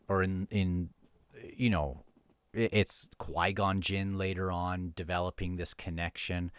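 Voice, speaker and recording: The host of a book review show talks casually through a book and reads passages aloud, musing informally and sometimes stumbling over his words. His voice sits low and is a bit bright, clear, and resonant, in a dry recording.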